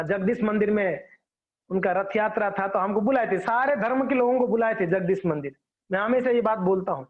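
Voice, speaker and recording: Male preacher, very high voice, storytelling sermon, tinny phone-quality recording. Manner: storytelling with acted-out quotes.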